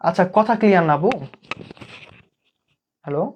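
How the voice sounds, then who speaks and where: A high-pitched young tutor teaches English live online at a normal speed, his Bangladeshi Bengali accent noticeable as he constantly checks in and asks for comments. The sound is lo-fi with slight background noise.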